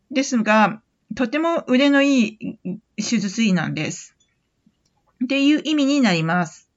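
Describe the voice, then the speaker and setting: A woman teaching English phrases in a gentle, encouraging manner, explaining them and then reading examples slowly for the listener to repeat. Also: medium pitch. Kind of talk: English lesson podcast. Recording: somewhat dull, lo-fi audio.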